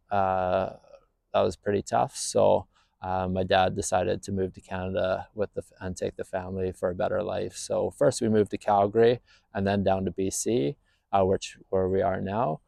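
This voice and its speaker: Here a man from Northern Ireland in his thirties, low-voiced with vocal fry and a darkish tone, relates his personal story as a business owner to camera. It's casual and plain-spoken, heavy on fillers, with no echo.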